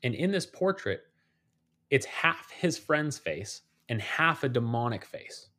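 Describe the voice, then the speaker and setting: A man telling supernatural stories in a podcast conversation, animated and acting out the voices of the people in them. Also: medium pitch, slow pace. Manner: animated storyteller, acts out quoted voices. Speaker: guest.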